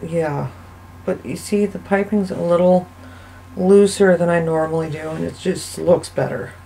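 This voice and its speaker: A woman hosting a soap-making channel, giving a casual, chatty voice-over that rambles and thinks out loud as she goes. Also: lowish voice, steady tone, a little slow, gravelly, a little hiss or hum, low-quality recording. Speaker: soap maker and channel host. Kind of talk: casual voice-over narration of a craft video.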